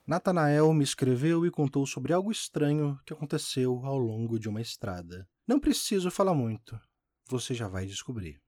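A man's voice: medium pitch, lively intonation, moderate pace, dry recording, clean studio sound. Dramatic male horror story narrator. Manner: dramatic, with sharp rises and falls for suspense. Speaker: podcast host reading a listener's story.

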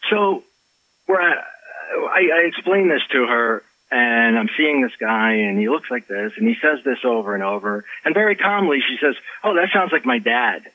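In an interview, an author and life coach relates something from his own life, voice mid-range and pace moderate. Lively in the telling, he acts out what people said and restarts many times. There is no echo, though the sound is slightly dull and lo-fi.

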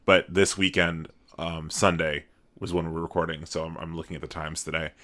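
A man's voice: deep voice, little pitch movement, brisk, a bit bright. A man co-hosting a podcast from a home study, talking loosely with frequent ums. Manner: loose, hesitant, uses "um" often. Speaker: podcast co-host. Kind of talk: casual chat.

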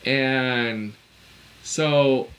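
A man in his fifties co-hosts a casual podcast. He tells his story bluntly and with open exasperation, swearing now and then. His voice is bright and forceful and sits at an average pitch for a man. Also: fairly even intonation, very slow. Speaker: podcast co-host.

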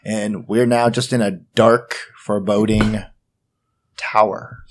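A man's voice: lowish voice, little pitch movement, takes it slowly. A man playing a tabletop game, role-playing casually and bluntly, with a sweary edge. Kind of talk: casual improvised role-play.

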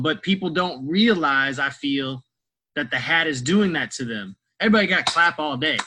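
St louis producer guy, bright forceful voice, laid back intro. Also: a little high, low-quality recording. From St. Louis, Missouri. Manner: laid-back, reflective, casual. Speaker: music producer contestant. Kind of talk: recorded self-introduction.

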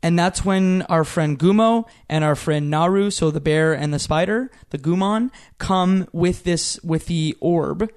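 A man's voice: fairly high pitch, a little slow, hardly any pauses, darkish tone, clear, resonant tone. A man hosting a casual gaming podcast, retelling a story with energy and running a quiz in a game-show host manner.

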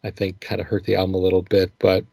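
A man's voice: low-pitched, fast, gravelly, no room sound. A man co-hosting a music podcast, chatting casually and thinking aloud. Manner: relaxed, thinking aloud with fillers and laughs. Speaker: podcast co-host.

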